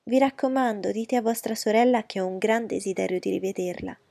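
A woman voicing a gushing, flattering society lady. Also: medium pitch, a little fast, vocal fry, dry recording, pitched above the performer's own voice. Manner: eager, flattering, insistent.

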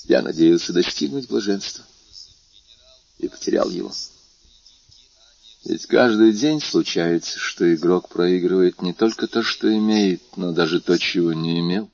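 A man reading a novel aloud and voicing a young man who calmly and solemnly says farewell to the woman he loves. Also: unhurried, creaky, heavily acted. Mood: resigned. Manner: calm, solemn, low-voiced. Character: young man, grave and resigned lover. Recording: dull lo-fi recording.

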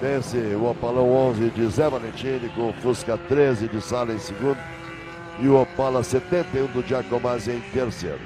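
A man commentating live on a car race as a motorsport commentator, emphatic and repeating names and phrases. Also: mid-range voice. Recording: loud engine and trackside ambience noise.

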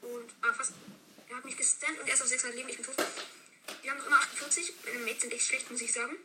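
A woman narrates her match in a quick, slightly high voice, calling out every move with plenty of fillers. She is heard as low-quality stream audio played back from a video, with steady noise hissing under her. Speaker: gaming video creator. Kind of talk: casual gameplay commentary.

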